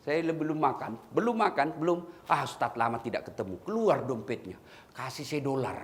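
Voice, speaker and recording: Lively-pitched preacher with a Makassar accent. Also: male voice, brisk. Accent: Makassar Indonesian. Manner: addresses listeners as "Pak", jokes and storytelling. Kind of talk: humorous sermon to a crowd.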